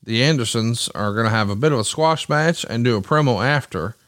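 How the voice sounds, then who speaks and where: A man's voice: medium pitch, fairly quick, fairly bright tone, no echo, studio quality. A man hosting a podcast, moving between scripted ad reads and talk to his listeners. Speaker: podcast host.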